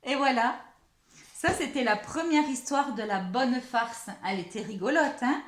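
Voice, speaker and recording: A woman's voice: a little high, lively intonation, a little slow, roomy sound. A woman reading a picture book aloud to children in a playful, teasing way, speaking straight to the listening child. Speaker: children's storyteller.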